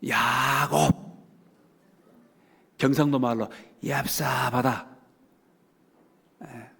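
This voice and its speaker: A man's voice: fairly high pitch, big pitch swings, moderate pace. A middle-aged male pastor with a Jeolla accent, preaching a sermon in a folksy, joking way, full of emphatic rhetorical questions. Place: church sanctuary. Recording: long church hall reverb.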